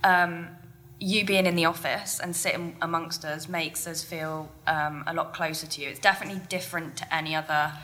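A woman employee speaking in a casual podcast chat, agreeable and quick to giggle. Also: deep voice, steady tone, bright, forceful tone.

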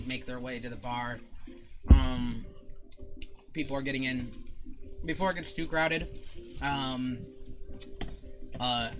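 A man narrating a tabletop game as game master, casual and halting, laughing often. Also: medium pitch.

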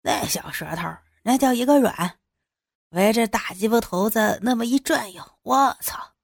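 A woman acts out a crude, sweet-talking younger man who flatters his boss, in an audio drama. Her voice is pitched down and sits in a dry, close recording. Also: moderate pace, gravelly, no echo. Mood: fawning.

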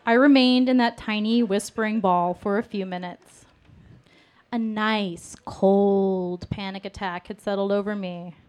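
A woman's voice: mid-range voice, fairly even intonation, unhurried, darkish tone. Candid, self-mocking woman storyteller. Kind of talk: personal storytelling to an audience.

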